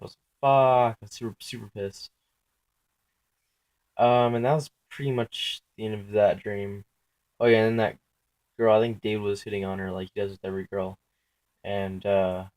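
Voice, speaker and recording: Rambling young man with a lowish voice. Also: a little mellow. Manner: rambling and halting, with frequent filler words and self-corrections; casual, swears freely. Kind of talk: casual spoken dream recounting.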